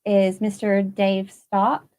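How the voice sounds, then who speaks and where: A woman's voice: medium pitch, completely flat delivery, slow, darkish tone, clean tone. A woman co-anchoring live election night coverage, reading out results hesitantly with many fillers.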